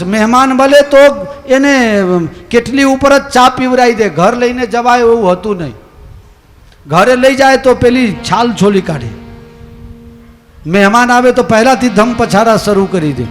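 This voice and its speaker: A man's voice: very high-pitched, a little slow. A man telling a folksy devotional story with a Gujarati accent, acting out the characters' lines as he goes. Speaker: religious storyteller. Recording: long hall reverb with music.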